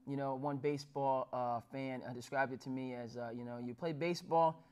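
In a small, dark-backdropped studio, a man from New Jersey in his thirties runs a sports talk show. His mid-range voice is steady, brisk, dark, clear and resonant. Formal phrasing mixes with frequent fillers and restarts.

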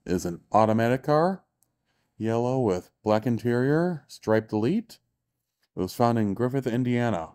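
His mid-range voice is animated and a little mellow, moving at normal speed in studio-quality audio. The man, a show tour guide and author, casually and eagerly narrates a walking tour of cars in a large indoor exhibition hall, fixing his own slips as he talks.

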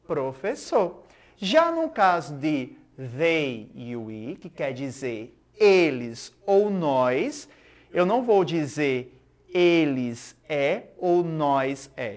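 A woman's voice: low voice, sing-song, takes it slowly, a little mellow. A Brazilian woman, a native Portuguese speaker, teaching a school TV English lesson, drilling words with repeat-after-me prompts.

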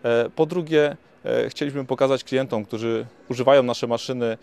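Young man, flat and halting. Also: medium pitch, gravelly, clean tone. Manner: slow and halting, many fillers. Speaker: company representative. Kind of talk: trade fair interview. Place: outdoor trade fair beside machinery. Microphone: handheld reporter mic.

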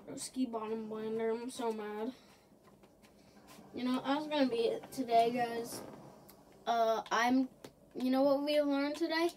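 A woman with a high voice talks through a video game as she plays, rambling and silly. Her jokes come one after another. A noisy background sits under her voice. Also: steady tone, a little slow, long pauses, darkish tone. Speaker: gaming video creator. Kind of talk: gameplay commentary.

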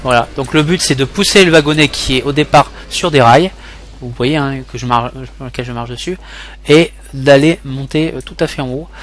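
A man's voice: mid-range voice, moderate pace, fairly bright tone. Rambling young man narrating gameplay. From France. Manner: rambling, many fillers and restarts. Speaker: gaming tutorial host. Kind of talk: casual gameplay commentary tutorial.

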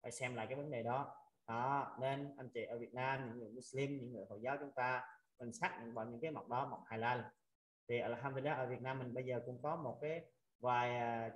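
Man, language teacher, online lesson, patient, drawn-out drilling, echoey video call audio. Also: mid-range voice, muffled recording. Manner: patient, repetitive, drawn-out drilling of sounds with frequent "à" fillers. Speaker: Arabic teacher.

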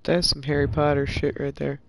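A woman's voice: low voice, little pitch movement, brisk, gravelly, no echo. A woman commenting casually as she plays a story game, blunt and swearing, cracking jokes. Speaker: streamer playing a game. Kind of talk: casual let's play commentary.

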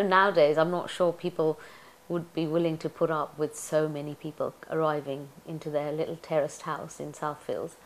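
Low-voiced chatty woman. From Tanzania. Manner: chatty, reflective, laughs often. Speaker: interviewee, actress. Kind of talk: oral history interview.

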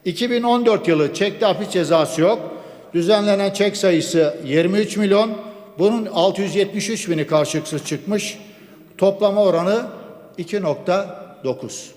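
A man addresses a large chamber from the rostrum microphone, his slightly raised voice carrying a long hall echo. He speaks in a measured, formal way, piling up laws, dates and statistics. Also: high voice, darkish tone. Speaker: member of parliament. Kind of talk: formal parliamentary speech.

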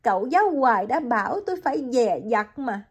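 A woman's voice: very animated, measured pace, a little mellow. A woman voicing a heartbroken young mother in an audiobook, speaking in a choked, pleading way. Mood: distraught. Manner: choked, pleading and high-pitched.

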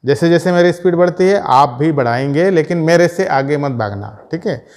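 A man's voice: a little high, animated, normal speed. A man teaching a school prayer song to young children, patiently checking in with them again and again. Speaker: music teacher. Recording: loud backing music.

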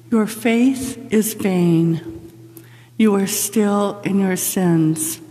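A woman reads scripture at a lectern, slow and unhurried in a solemn, measured way. Her voice is mellow and soft-edged, and the long reverb of a big church hangs after every phrase. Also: mid-range voice. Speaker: lector. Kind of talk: liturgical scripture reading. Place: large church sanctuary. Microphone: lectern microphone from a far camera.

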